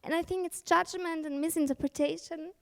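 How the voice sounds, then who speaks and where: A woman's voice: very high-pitched, steady tone, fairly quick, vocal fry, fairly bright tone. A woman giving a conference talk, candid and emphatic, swearing freely and often correcting herself mid-sentence. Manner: frequent self-corrections and fillers. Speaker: conference speaker. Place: conference stage.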